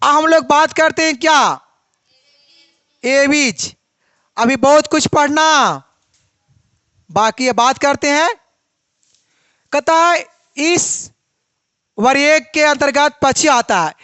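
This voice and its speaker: A woman's voice: sits high, slow pace, pauses often, fairly bright tone, no echo. A woman teacher giving a biology lesson, asking the class questions and then answering them herself.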